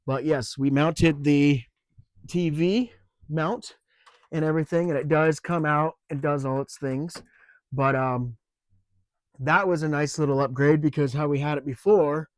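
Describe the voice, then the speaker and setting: A man's voice: a little high, no room sound. A man with the hiccups gives a rambling, casual vlog walkthrough of repairs around his off-grid camper. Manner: rambling and relaxed, with fillers and restarts. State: has the hiccups. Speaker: off-grid homesteading vlogger. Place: outdoors and inside a camper on a rural off-grid homestead.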